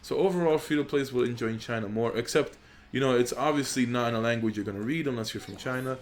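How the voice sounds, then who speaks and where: Fast and medium-pitched, this young man's voice carries casual gameplay commentary into a USB desk mic. He grew up in Poland, speaks Polish natively, and makes gaming videos on YouTube, and he rambles in a relaxed way with plenty of fillers.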